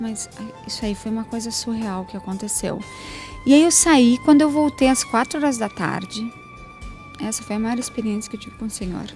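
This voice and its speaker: A woman's voice: mid-range voice, mellow. A woman, a guest on a program, telling her personal faith testimony in a spontaneous, chatty way with many tag questions. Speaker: interview guest.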